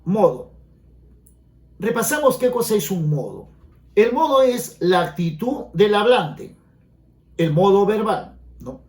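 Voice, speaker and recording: Male grammar teacher, high voice, explanatory, echoey room. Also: big pitch swings, takes it slowly, pauses often, darkish tone. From Peru. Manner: explanatory, asks students frequent check questions. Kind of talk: exam-prep grammar lesson.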